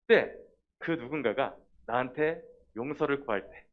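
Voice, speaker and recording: A man gives a children's sermon at a middle pitch, speaking straight to the kids. He bursts into acted-out little scenes now and then. The sound is dull and lo-fi. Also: normal speed. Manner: lively, talks directly to the children and acts out quotes. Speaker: children's pastor.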